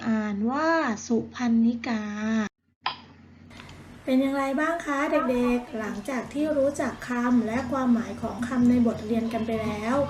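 A woman teacher reading vocabulary words slowly and carefully to children, saying each word twice. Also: fairly high pitch, background noise. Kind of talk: slow vocabulary lesson for children.

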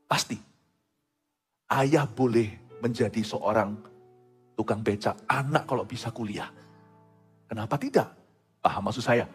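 A man's voice: medium pitch, a little slow, pauses often. A middle-aged man, preaching a sermon in a conversational way, often checking whether the congregation follows him and slipping in English phrases. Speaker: pastor. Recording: echoey hall with faint music.

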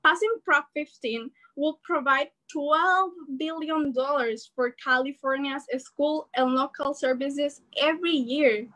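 A teenage girl from El Salvador, a student organizer giving an earnest, animated rally speech over a video call from her bedroom. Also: sits high, unhurried, hardly any pauses, low-quality recording. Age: teens. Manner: earnest, animated, gestures while speaking. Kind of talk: prepared speech. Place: bedroom at home. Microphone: laptop webcam on a video call.

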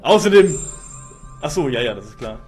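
A young man streaming and commenting live on a video game, expressive, often tripping over repeated words. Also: medium pitch, moderate pace, soft background music. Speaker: let's-play streamer.

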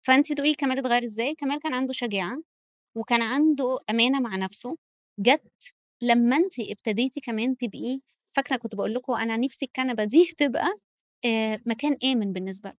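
A woman's voice: a little high, rapid-fire, no echo, studio quality. A woman with an Egyptian accent, a relationship therapist explaining advice with firm conviction as a podcast guest. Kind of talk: casual podcast chat.

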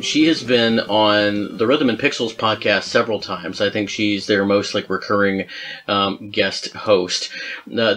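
A man hosting a podcast about video game music in a casual, chatty way, self-mocking and quick to laugh. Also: on the low side, fairly bright tone. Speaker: podcast host.

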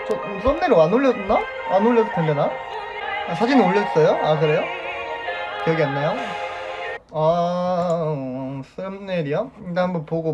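A man's voice: high voice, highs cut off. A young man in his twenties hosting a casual live stream, reading viewer comments aloud in a playful way and laughing often. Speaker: idol band member hosting a solo live stream. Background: music playing.

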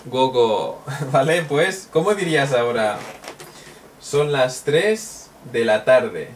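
A man teaching a recorded language lesson, drilling phrases slowly and joking as he goes. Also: mid-range voice, expressive. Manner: slow, repeats drill phrases, jokes and laughs. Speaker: Japanese teacher. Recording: distant mic with faint noise.

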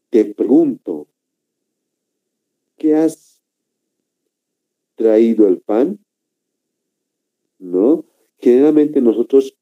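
A man teaching a grammar class, speaking slowly and repetitively, often tagging sentences with a questioning "no?" and addressing the students as gentlemen. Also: fairly low pitch. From Bolivia. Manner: slow, repetitive, keeps asking "¿no?" and addressing "señores". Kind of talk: classroom lecture. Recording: dull lo-fi recording.

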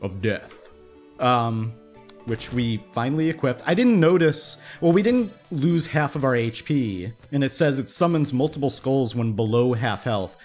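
A young man, a bit hoarse from losing his voice, giving casual let's-play commentary, rambling and breaking off mid-thought in an upbeat way. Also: mid-range voice, lively intonation, moderate pace, a little mellow. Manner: rambling, self-interrupting, upbeat. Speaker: gaming YouTuber. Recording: faint game music behind.

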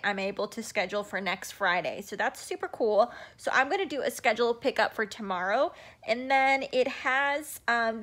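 A woman's voice: on the high side, fairly bright tone. Chatty woman vlogging into her phone. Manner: chatty, upbeat, many ums. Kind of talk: casual vlog walkthrough. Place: at home, then in a parked car. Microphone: phone camera at arm's length.

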